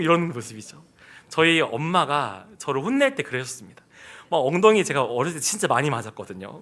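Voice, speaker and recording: A man's voice: sits high, fairly bright tone. A man in his thirties preaching a sermon in a church sanctuary, telling a personal story and acting out the voices of people in it. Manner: storytelling, acts out quoted voices.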